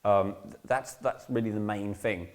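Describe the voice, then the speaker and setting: A man's voice: fairly low pitch, fairly even intonation, normal speed. A man teaching an online course in a casual, rambling lecture, emphatic and blunt, often checking in with "right?". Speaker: course instructor.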